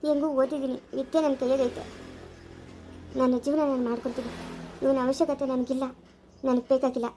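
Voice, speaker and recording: A woman's voice: high voice, level tone, brisk, long pauses, dark tone, slight background noise, natural voice. A woman playing a wronged young wife and mother in a village family drama, speaking, tearful and bitter, repeating her refusals.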